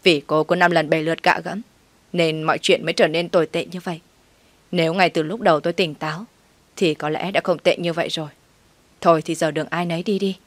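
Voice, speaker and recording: A woman's voice: low voice, steady tone, brisk, no echo, close to an everyday voice. Woman voicing a cold, curt husband. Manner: curt, scolding. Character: cold, harsh young husband walking out.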